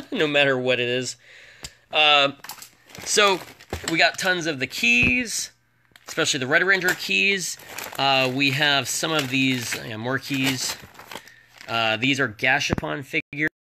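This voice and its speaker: A man with a very bright, forward voice works as a home shopping host. He shows items one by one in a loose, hesitant, off-the-cuff ramble. There is faint noise behind him, with small clicks. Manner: rambling, hesitant item-by-item pitch with prices. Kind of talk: home shopping host presentation, casual and unscripted.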